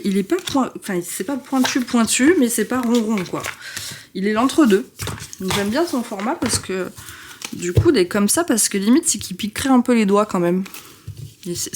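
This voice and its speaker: A young woman with a somewhat low voice chats casually and excitably, interrupting herself and filling gaps with hesitations. A faint noise floor sits under the recording. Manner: chatty, excitable, self-interrupting with many fillers. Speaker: tarot vlogger. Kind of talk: casual chat.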